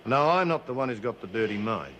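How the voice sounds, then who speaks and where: A man's voice: lowish voice, fast, a little hiss or hum. An actor playing a cocky, easygoing Australian man who is new to the prison. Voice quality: relaxed, laid-back, slangy. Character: cocky easygoing male newcomer, friendly charmer. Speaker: prison newcomer. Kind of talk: TV drama acting.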